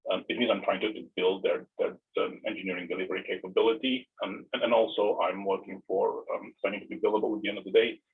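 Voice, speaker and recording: A low-voiced man, giving a tech talk. His voice is very husky and breathy, and he often stumbles and repeats words before going on. The sound is narrow and tinny, like a phone line. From Romania. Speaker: tech presenter. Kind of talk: online tech presentation.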